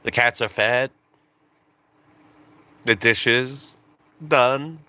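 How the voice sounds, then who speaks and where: Rambling and joking on a live stream, a man in his late twenties keeps interrupting himself and restarting. He has a mid-range voice with drawn-out words and a pushed, bright, clear, resonant tone.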